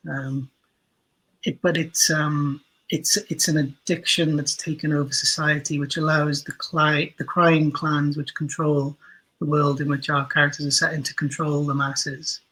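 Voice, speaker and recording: Unhurried and flat, a man's slightly high, sharp voice comes through a low-quality recording. He is an interview guest, a producer and writer of audio dramas, chatting easily and explaining things with thoughtful self-deprecation.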